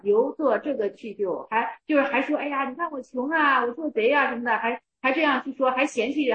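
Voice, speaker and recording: High-voiced woman lecturing in a roomy space. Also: fairly bright tone. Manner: repeats phrases, presses with rhetorical questions. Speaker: teacher of Chan Buddhist texts. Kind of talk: lecture commentary on classic texts. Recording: roomy, dull lo-fi recording.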